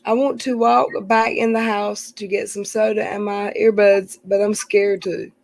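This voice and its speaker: A woman's voice: medium pitch, flat delivery, unhurried, no room sound, rough recording. A woman in her forties hosting a casual livestream chat, reading out viewer comments as she talks. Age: 40s. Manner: chatty, reads out viewer comments. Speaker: stream host. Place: outdoors near her house.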